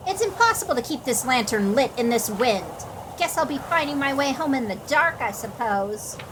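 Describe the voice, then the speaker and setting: A woman's voice: sits high, animated, moderate pace, noisy background. A woman voicing a prim, polite young village woman who speaks formally.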